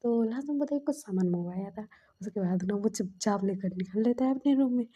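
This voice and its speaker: A woman's voice: a little high, fairly quick, mellow, breathy edge, muffled recording. A woman casually retelling a love story in a chatty way, full of fillers.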